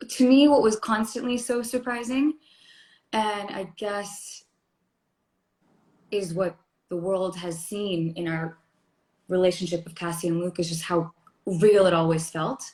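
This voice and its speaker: A woman, an actress, chatting earnestly on a phone livestream from a hotel room, quick to laugh. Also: mid-range voice, fairly even intonation, darkish tone, roomy sound. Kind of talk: casual livestream chat.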